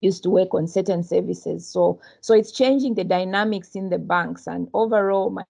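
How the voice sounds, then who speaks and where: A woman from Zambia, an audience member, politely asking a long, measured question in a seminar over a video call. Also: fairly low pitch, gravelly, darkish tone, poor audio. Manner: polite, measured, elaborating at length.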